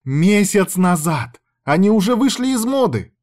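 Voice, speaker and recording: A man voicing a dramatic, excitable teenage girl who is the narrator's younger sister. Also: mid-range voice, normal speed, pitched above the performer's own voice, natural voice. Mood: indignant. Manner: exclaiming, protesting, dramatic.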